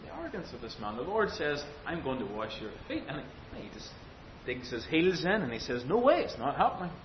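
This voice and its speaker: A preacher's voice swings widely in pitch as he delivers an expository sermon, emphatic and deliberate, leaning on repetition and rhetorical questions. The audio is dull and lo-fi, with a faint rumble underneath.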